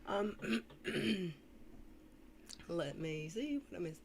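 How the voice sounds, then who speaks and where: A woman's voice: lowish voice, expressive. Lady reacting on a livestream, reads comments, stops and starts, bit of noise behind her. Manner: frequent throat clearing, pausing to read comments. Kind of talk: casual reaction commentary, reading live chat. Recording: faintly noisy livestream audio.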